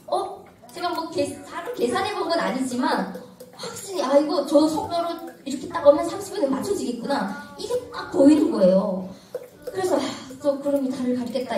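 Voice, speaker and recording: A woman from Korea, giving a personal testimony to an audience in lively storytelling that breaks into laughter at tense moments. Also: high-pitched. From North Korea. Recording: echoey hall, mic at a distance, audience.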